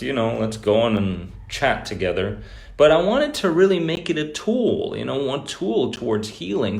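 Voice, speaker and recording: A man's voice: mid-range voice, creaky. A man hosting a live stream about anxiety recovery, talking loosely to viewers and greeting them by name. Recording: echoey room.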